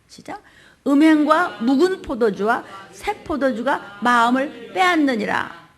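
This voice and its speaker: A woman pastor preaching a sermon in a colloquial style, acting out quoted voices, asking rhetorical questions, and swinging between loud outbursts and hushed whispers. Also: high-pitched, gravelly. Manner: dramatic, acts out quoted voices.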